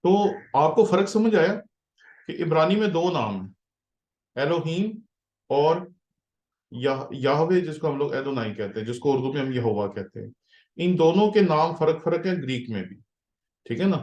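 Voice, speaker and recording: A man's voice: fairly high pitch, lively intonation, moderate pace, darkish tone, dull audio. Patient man teaching in echoey room. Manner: patient, explaining step by step with frequent "theek hai". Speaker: pastor teaching Hebrew. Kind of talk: online class lesson.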